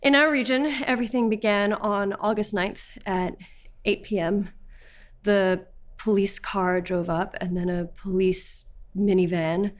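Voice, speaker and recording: A feisty young woman of twenty-one, as an actress plays her, telling her story in an animated, vivid way. Her voice sits in the middle of the female range, and she recounts events as documentary stage testimony. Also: mid-range voice, measured pace, natural voice. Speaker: actor.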